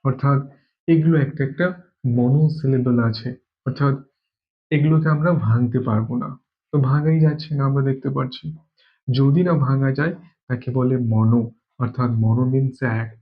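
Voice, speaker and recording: A man's voice: medium pitch, normal speed, phone-quality sound. A man from Bengal teaching an English grammar lesson, explaining step by step and repeating key words as he goes.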